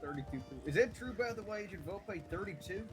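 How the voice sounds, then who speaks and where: Role-play lead investigator, polite but in charge, a man plays him, animated delivery. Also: high-pitched, quick pace, over music. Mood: brisk. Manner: courteous, commanding. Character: brisk polite male chief investigator.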